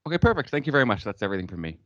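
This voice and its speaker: A man's voice: medium pitch, sing-song, rapid-fire, no echo. A male radio reporter asking hesitant, circling questions at a press briefing, heard over a remote call line. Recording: dry, dull call-line audio.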